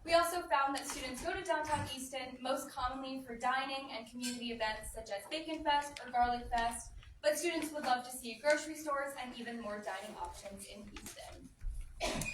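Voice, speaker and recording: A woman's voice: high voice, normal speed. Young woman presenting in an echoey hall. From New Jersey, USA. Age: young adult. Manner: earnest, steady, reading through findings. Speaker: student presenter. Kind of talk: prepared presentation. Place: community center meeting room. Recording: distant, echoey, noisy hall mic.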